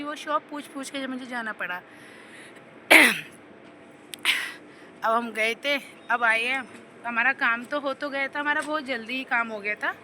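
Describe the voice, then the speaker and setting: A woman's voice: sits high, a little hiss or hum. A young woman chatting casually in her vlog, rambling through funny personal stories with a slight cough. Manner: rambling, animated, laughs while telling stories. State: slight cough and sore throat. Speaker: vlogger.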